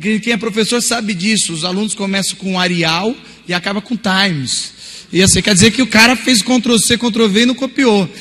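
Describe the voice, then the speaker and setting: A Brazilian man in his thirties speaking at a church seminar, telling stories in a lively way and acting out what people said. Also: high voice, normal speed. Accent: Brazilian Portuguese. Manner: animated storytelling, acting out quotes. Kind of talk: sermon-style talk. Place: large hall. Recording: long hall reverb.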